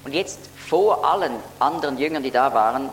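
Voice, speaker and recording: A man's voice: mid-range voice, lively intonation, fairly quick. A man giving an earnest, explanatory Bible teaching sermon, lifting his voice to stress key words. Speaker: preacher. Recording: echoey hall with faint hum.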